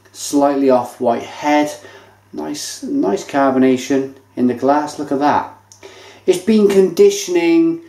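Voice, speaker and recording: A man in his thirties casually reviewing a beer at home, chatting as he tastes and describes it. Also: on the high side. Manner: relaxed and chatty, savoring and describing each sip. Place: home kitchen, indoors. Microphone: camera mic at table distance. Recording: echoey kitchen room sound.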